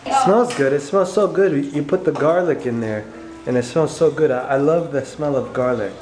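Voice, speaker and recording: A young man filming a casual home vlog on a handheld camera, talking in a relaxed, rambling way with lots of ums. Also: on the high side, moderate pace. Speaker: vlog co-host. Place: small tiled home kitchen. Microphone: handheld compact camera. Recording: echoey tiled kitchen.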